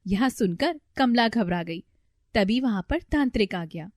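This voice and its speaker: A woman narrating a moral storybook cartoon in a high, lively voice. She tells it in an even, plain way. The recording is close and dry. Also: a little slow, dry recording.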